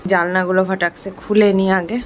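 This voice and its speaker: A woman's voice: medium pitch, flat delivery, a little fast, slight background noise. A young woman chatting to the camera while she does chores at home. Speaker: family vlogger. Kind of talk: casual chat. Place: home, indoors.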